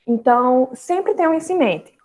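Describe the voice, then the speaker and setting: A young woman with a Brazilian Portuguese accent teaching an online grammar lesson, explaining step by step and slowly spelling out syllables, with frequent fillers. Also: high voice, expressive, darkish tone.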